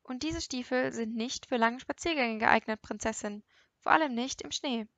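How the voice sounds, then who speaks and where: A woman's voice: a little high, normal speed, a bit bright, dry recording. A woman reading the part of a cocky young man who teases with sarcastic remarks, in an audiobook. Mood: mocking. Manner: mocking, sarcastic.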